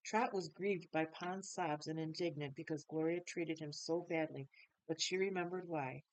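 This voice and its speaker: A woman's voice: low-pitched, steady tone, normal speed, no room sound, low-quality recording. A woman reading a children's book aloud, then chatting to listeners in friendly asides. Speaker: storyteller.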